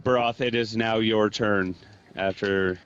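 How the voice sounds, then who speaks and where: A man running a tabletop game as dungeon master, unhurried and halting with fillers as he narrates. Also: on the low side, steady tone, fairly bright tone, smooth, faint music behind. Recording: muffled lo-fi mic.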